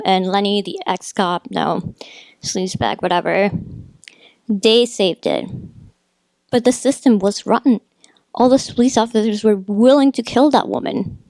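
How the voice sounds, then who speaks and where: In this partly scripted film critique, a woman who works as a video essayist wanders through her opinions informally, often going off on tangents. She speaks at a medium pitch with a slightly mellow tone, recorded without echo.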